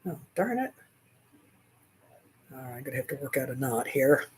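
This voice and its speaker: A talkative woman in her sixties hosts a crochet livestream from a small bedroom at home, chatting easily through a desk webcam while she works. She laughs often and replies to viewers' comments, her rumbling low voice swinging widely in pitch at normal speed. Slight background noise is audible.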